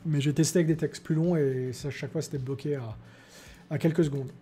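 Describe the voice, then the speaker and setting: A man hosting a tech video in a casual demo style, pausing often with filler words. His voice is slightly high but mellow, and faint music runs underneath. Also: steady tone, slightly rough. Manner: explanatory, many fillers.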